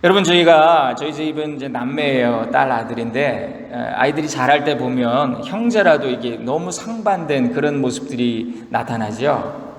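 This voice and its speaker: A male pastor giving a sermon in a lively, conversational storytelling manner. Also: medium pitch, normal speed. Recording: echoey hall reverb.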